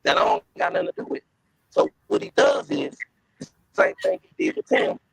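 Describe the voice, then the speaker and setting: A man's voice: extremely high pitch, huge pitch swings, brisk, gravelly, no room sound. Muffled man, as if through a wall. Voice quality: blunt and profane. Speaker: caller on a live stream. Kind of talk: casual storytelling.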